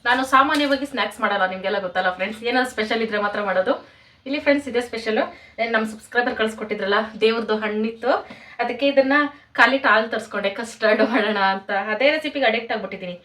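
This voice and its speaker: A woman's voice: on the high side, rapid-fire, a bit bright, recorded from a distance. A woman with a rural Karnataka Kannada accent, chatting casually to her viewers as friends in a home cooking vlog. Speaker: home vlogger. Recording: roomy home room, off-mic, faint noise.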